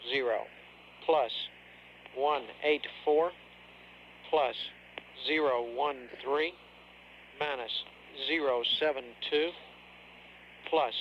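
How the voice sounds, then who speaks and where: A man working as a mission control communicator, speaking in clipped astronaut radio procedure over a space-to-ground radio. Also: a little high. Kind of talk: astronaut radio procedure, reading figures digit by digit. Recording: dull, noisy archival space radio link.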